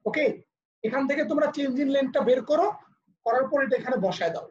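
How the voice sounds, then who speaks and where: A man's voice: very high voice, brisk. A man with a Bangladeshi accent teaching physics in a live online class, explaining step by step and patiently. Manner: patient, explaining step by step, switching to English for terms. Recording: muffled lo-fi video call audio.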